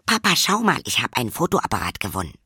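A man reading a children's story aloud and voicing an eager, excitable little girl in a high, insistent voice. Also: fairly quick, dry recording, studio quality, full character voice.

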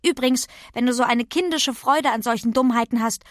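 A woman voicing a bold, cheeky little girl who talks loud and lively. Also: a little high, brisk, no room sound, clean studio sound, natural voice.

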